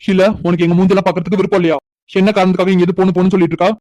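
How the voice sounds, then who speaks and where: A woman's voice: fairly low pitch, flat delivery, racing, highs cut off, close to an everyday voice. Woman voicing a pleading cartoon young man. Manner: pleading, insistent questioning. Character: young man, caring, persistent nephew. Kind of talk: animated cartoon dialogue.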